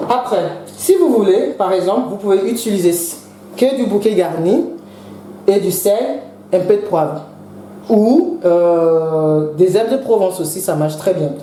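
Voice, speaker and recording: A woman hosting her own cooking channel, explaining a recipe step by step in a chatty way and pausing now and then to search for words. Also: medium pitch. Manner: chatty, explains each step with gentle asides. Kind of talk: casual cooking tutorial. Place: home kitchen. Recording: echoey kitchen with faint background noise.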